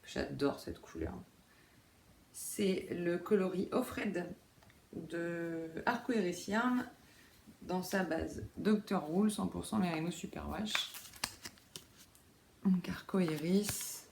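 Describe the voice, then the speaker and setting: A woman's voice: lowish voice, gravelly, darkish tone, reverberant, slight background noise. A woman hosting a knitting podcast, talking casually with many fillers and asides, in a room at home by a window. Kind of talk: casual chat.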